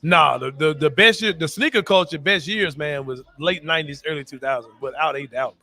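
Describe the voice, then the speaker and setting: A man with a bright, somewhat high voice hosts a laid-back podcast chat. He talks in loose slang, laughs easily and pushes his points hard, with faint music running under the conversation. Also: brisk. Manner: slangy, laughing, emphatic, says bro a lot. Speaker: podcast host. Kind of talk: casual sports and pop culture chat.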